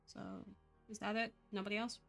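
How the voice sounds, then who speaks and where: Polish woman moderating a group voice call, firm and measured, lots of fillers, middle pitch. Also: flat delivery, fairly bright tone, soft background music. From Poland.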